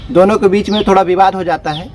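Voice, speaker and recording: A man's voice: high-pitched, steady tone, fast, slight background noise. A man casually narrating a story, talking to his listeners as friends in loose, repetitive phrasing.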